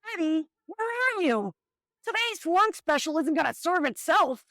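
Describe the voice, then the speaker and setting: A woman's voice: extremely high pitch, sing-song, unhurried, fairly bright tone, no room sound, studio quality, heavily acted. A woman playing a peppy, wisecracking school lunch lady heroine in a hammy comic skit, full of exclamations. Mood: brisk, sassy. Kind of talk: live comic audiobook-style skit.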